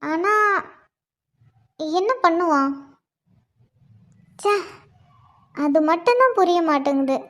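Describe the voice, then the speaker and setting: A woman's voice: very high voice, expressive, takes it slowly, pauses often, full character voice. A woman voicing a young scheming wife in a cartoon, pleading tearfully and then muttering slyly to herself.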